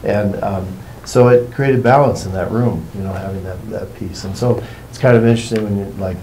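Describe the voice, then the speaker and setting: A man with a fairly low, very mellow and relaxed voice talks as a workshop facilitator. He explains informally and takes his time, wandering from point to point. There is some background noise in the room. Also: brisk, poor audio. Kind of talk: informal explanatory talk to a group.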